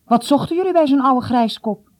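A woman's voice: fairly low pitch, expressive, moderate pace, mellow, dry recording. A woman voicing a stern, cool middle-aged father who questions his son seriously.

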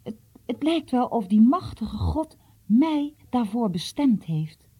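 An earnest, troubled schoolboy from a storybook pleads and stammers in a lifted, higher voice, as a woman reads him. The tone stays dark and husky underneath. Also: sing-song, slow pace, heavily acted.

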